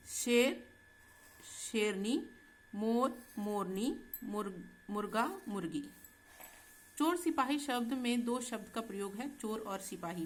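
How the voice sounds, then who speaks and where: Lady teacher going slow thru workbook answers, patient, bit of hiss in the background. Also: medium pitch. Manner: slow, patient, checks in with "ठीक है". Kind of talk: Hindi textbook exercise lesson.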